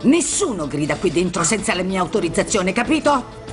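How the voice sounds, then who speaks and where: A woman's voice: on the low side, big pitch swings, brisk. An actress dubbing a bossy woman who runs an institution and gives orders. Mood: commanding. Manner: domineering and commanding. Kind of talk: Italian TV dub. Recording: music underneath.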